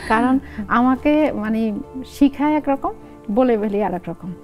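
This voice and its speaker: A woman in her forties with a Noakhali Bengali accent, a guest in an interview, telling lively stories and acting out family dialogues. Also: high voice, slow pace, faint music behind. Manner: lively storytelling, acts out family dialogues in dialect. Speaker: guest, family content creator. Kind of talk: casual interview chat.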